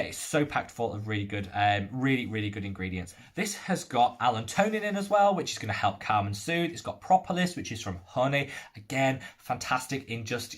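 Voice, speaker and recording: Man, young, from the UK, gushing skincare reviewer, animated delivery. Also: mid-range voice. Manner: enthusiastic, gushing. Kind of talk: casual product review.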